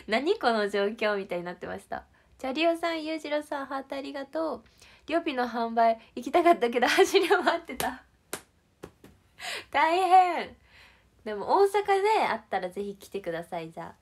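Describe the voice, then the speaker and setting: A woman's voice: fairly high pitch, very animated, fast talker. A young woman from Shizuoka, Japan, hosting a casual livestream and chatting with viewers in a bubbly, playful, giggly way. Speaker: idol livestream host. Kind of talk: casual livestream chat reading comments.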